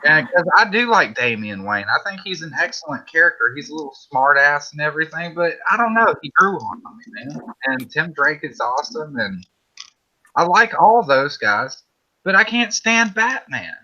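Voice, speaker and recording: A man's voice: fairly high pitch, sing-song, normal speed, pushed and bright. A man hosting a casual stream chat, heated and opinionated, swearing freely. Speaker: stream host. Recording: dull lo-fi stream audio.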